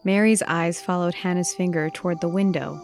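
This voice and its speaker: A woman podcast host narrating an original spooky story in a measured, suspenseful way. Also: fairly low pitch, steady tone. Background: soft music.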